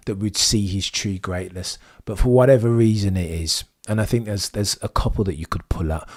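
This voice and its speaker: This young Formula 1 streamer has a low, slightly mellow voice with a breathy edge, and he's losing it as he commentates and reads his chat live. He rambles with strong opinions, frequently asking "right?"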